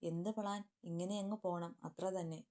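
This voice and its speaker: A woman's voice: on the low side, steady tone, moderate pace, dark tone, close to an everyday voice. A woman voicing a guarded, resigned young husband who speaks tersely. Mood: curt.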